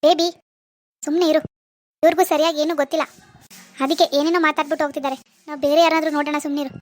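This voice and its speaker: A proud, wealthy mother in an animated drama, voiced by a woman. She brushes people off with scorn and pushy confidence. Her voice sits very high and the words come quickly. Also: natural voice. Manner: scornful, dismissive, brash. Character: rich, haughty mother of adult daughter. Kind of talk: Kannada cartoon drama voicing.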